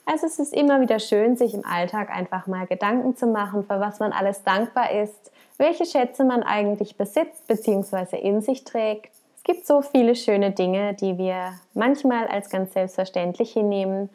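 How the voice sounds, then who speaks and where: A woman telling a folk tale in a calm, measured storytelling voice, then reflecting on it. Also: mid-range voice. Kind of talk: storytelling narration.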